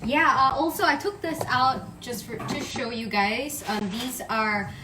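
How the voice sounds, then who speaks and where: A woman's voice: on the high side, unhurried, roomy sound, recorded from a distance, background noise. Chatty woman. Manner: chatty, reads viewer comments aloud. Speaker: co-host. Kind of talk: casual live chat. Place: home kitchen.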